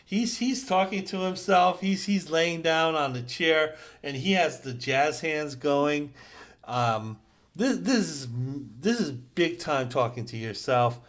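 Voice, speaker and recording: A middle-aged man recaps a comic book at a slow, unhurried pace. He talks casually and stumbles often, with many fillers and restarts along the way. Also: on the high side, expressive.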